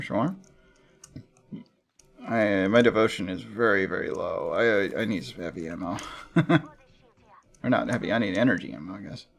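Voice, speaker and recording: A man streaming a shooter game, chatting casually and thinking out loud with frequent chuckles. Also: fairly low pitch, creaky. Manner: chuckles often, thinks aloud. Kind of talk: casual gameplay chat.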